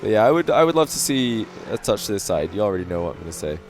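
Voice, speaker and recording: A man giving relaxed, casual coaching commentary on a game replay, with frequent fillers. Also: on the low side, racing, noisy background. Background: faint lo-fi background music.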